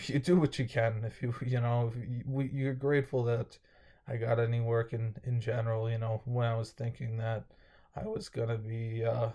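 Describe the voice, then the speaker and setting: With a medium-pitched, mellow voice and a slightly dry throat, a young man vlogs a casual recap of his day, rambling through plenty of fillers and restarts.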